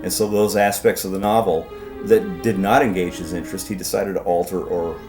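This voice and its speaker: A man in a documentary interview, explaining things in a thoughtful, measured way. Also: low-pitched, fairly even intonation, music in the background.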